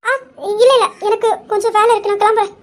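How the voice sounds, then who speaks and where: A woman voicing a meek, timid young sister who answers softly and hesitantly in a home-made audio drama. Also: very high voice, flat delivery, fast talker. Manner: soft, hesitant, obliging.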